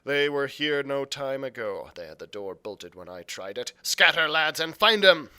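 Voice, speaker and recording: A man voicing a furious, bullying, blind old pirate in a storybook reading, ranting with drawn-out, emphatic words. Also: mid-range voice, big pitch swings, pushed and bright, clean tone. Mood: urgent, angry.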